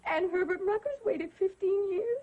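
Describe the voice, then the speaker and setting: An actress playing a sweet young bride who gushes tearfully. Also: female voice, very high voice, normal speed, phone-quality sound. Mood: teary. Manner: teary and gushing. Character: sweet, teary young bride, a female castaway.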